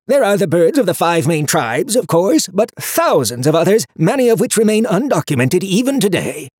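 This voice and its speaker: A man's voice: high voice, very animated, normal speed, darkish tone, slightly rough, no echo, studio quality, voice pushed up, heavily acted. A man voicing a fussy, pedantic talking book that lectures nonstop. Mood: enthusiastic. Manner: lecturing, know-it-all. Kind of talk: audiobook character voice.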